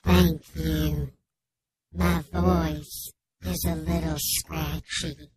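Brief: a woman as anonymous radio guest, disguised deep voice filter, crawling slow deadpan delivery. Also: a crowd in the background, poor audio. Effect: voice-disguising filter, slowed and deepened.

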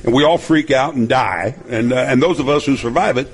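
A man's voice: mid-range voice, a little fast, breathy edge. A man in his seventies from Nebraska, a broadcaster telling rambling stories and laughing often in a casual chat. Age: 70s. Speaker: guest broadcaster.

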